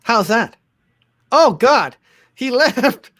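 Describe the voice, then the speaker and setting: A man hosting a casual livestream, reading the chat aloud with teasing, deadpan remarks. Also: very high voice, drawn-out words, very noisy. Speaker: livestream host.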